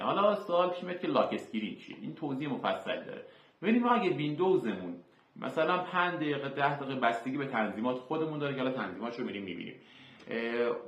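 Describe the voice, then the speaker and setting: A man hosting a screen-recorded software tutorial, explaining each term step by step with filler sounds. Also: medium pitch. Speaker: tutorial host. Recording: echoey, dull lo-fi room.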